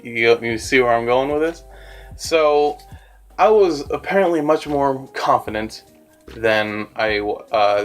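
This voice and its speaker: A young man telling a rambling, self-deprecating story in a casual storytime vlog, with faint music behind him. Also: mid-range voice. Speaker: animator and storyteller.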